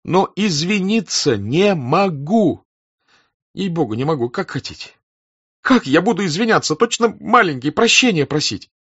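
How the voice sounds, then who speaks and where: A man's voice: sits low, expressive, takes it slowly, long pauses, sharp tone, breathy edge, no room sound, full character voice. A man voicing a flustered, proud young count who pleads and stammers on the verge of tears, on a dull, dry lo-fi recording. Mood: insistent.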